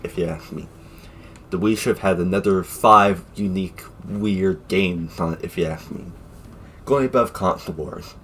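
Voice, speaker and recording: A young man casually narrating a fan video review, jokey and rambling, with sudden loud outbursts. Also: deep voice.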